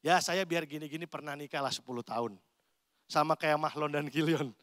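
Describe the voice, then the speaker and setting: A high, bright-voiced man preaches a church sermon. He talks in a conversational, animated way and acts out quick little exchanges. The sound is close and dry. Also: no echo. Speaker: pastor.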